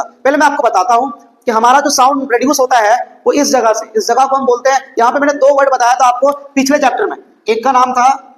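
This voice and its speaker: A man with a very high voice teaches a school science class. He asks his own questions and answers them, and he slips English textbook phrases into his explanations. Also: poor audio.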